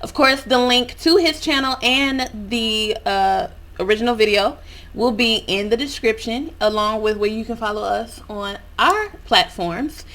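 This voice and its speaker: Woman, reaction co-host, blunt, emphatic, bright forceful voice, fairly high. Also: measured pace. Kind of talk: casual reaction chat.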